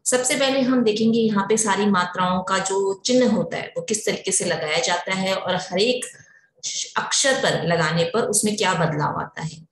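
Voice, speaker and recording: A woman teacher giving an online lesson to young children, slowly drilling syllables with clear, drawn-out pronunciation. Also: mid-range voice. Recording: echoey room with faint background noise.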